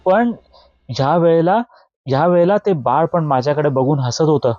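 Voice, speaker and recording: A man's voice: on the high side, moderate pace, darkish tone, dry recording, highs cut off, natural voice. A man voicing a scared young male student, shaken and pleading urgently. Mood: frightened.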